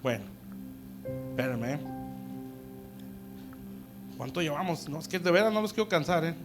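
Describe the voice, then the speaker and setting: A man's voice: a little high, animated, moderate pace, over music. A male pastor preaching conversationally, often checking in with "¿sí?" and acting out quoted voices. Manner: acts out quoted voices in dialogue. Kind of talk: sermon. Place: church service.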